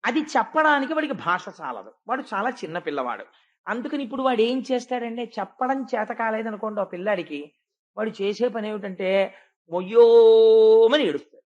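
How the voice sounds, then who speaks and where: A woman giving a devotional discourse, retelling a scripture story and acting out the characters' words with shifts in pace and loudness. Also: medium pitch, expressive, fairly quick, highs cut off. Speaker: spiritual speaker.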